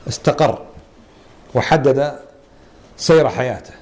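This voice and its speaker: A man's voice: mid-range voice, slow pace, a little mellow. A man teaching a Quran interpretation lesson as a religious teacher, quizzing his students and repeating and stressing key words.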